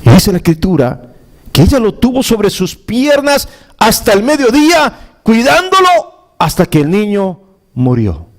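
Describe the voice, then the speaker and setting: A man with a very high voice for a man, preaching as a pastor. He retells a scripture story in a dramatic way, with exclamations and frequent stumbling restarts. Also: wildly swooping pitch, a little slow. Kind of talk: storytelling sermon.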